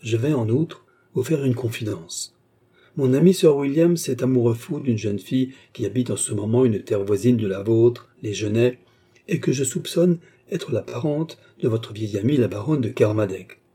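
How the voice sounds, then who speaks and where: A man's voice: mid-range voice, normal speed, warm tone, slightly rough, lightly acted. A man reading aloud as a gracious, melancholy young French marquis who speaks with formal courtesy.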